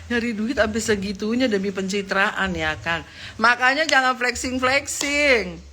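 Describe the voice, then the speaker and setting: On a live stream, a woman gossips in a mocking tone, laughing often and mimicking others with a squeaky voice. Her delivery is a bit slow, with a bright, forceful tone.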